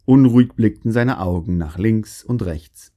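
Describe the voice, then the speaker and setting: A man narrating a fairy tale in a calm, even storytelling manner. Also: lowish voice, unhurried, lo-fi sound.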